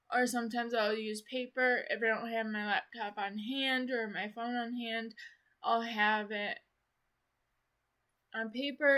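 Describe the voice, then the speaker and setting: A woman talking through a casual vlog in a slow, unhurried way, her voice sitting a little high. It has a bright, forceful edge, and she rambles along, leaning on "like" and restarting her sentences. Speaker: vlogger.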